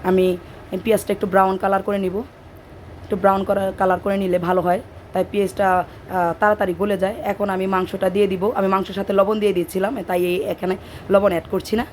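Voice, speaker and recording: A hoarse woman from Bangladesh with a Bangladeshi Bengali accent, chatting and wandering into stories as she narrates her cooking in a home kitchen at night. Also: medium pitch, level tone, fast, darkish tone, slight background noise. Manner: chatty, digressive storytelling while cooking. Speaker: cooking vlogger.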